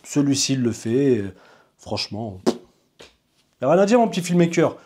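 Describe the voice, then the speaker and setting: A man's voice: mid-range voice, very animated, moderate pace, a little mellow, a little hiss or hum. A man casually reviewing camera gear in a vlog, chatty and informal, talking straight to the viewer. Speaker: video maker reviewing gear.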